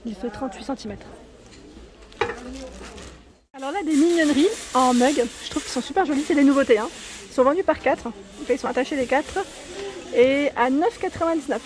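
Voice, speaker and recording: High-voiced chatty woman vlogging in a store. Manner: chatty, adds "hein" often, addresses viewers directly. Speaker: vlogger showing store products. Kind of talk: casual shopping vlog with price commentary. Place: inside a large furniture store, filming while walking.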